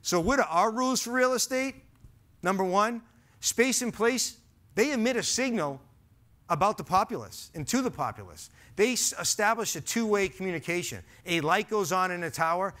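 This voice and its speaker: A man in his forties with a Boston accent gives a stage presentation as a conference speaker, wearing a headset mic in a large, dark auditorium. His voice is high-pitched, animated and sharp, at a moderate pace. He is earnest and emphatic, gesturing as he talks.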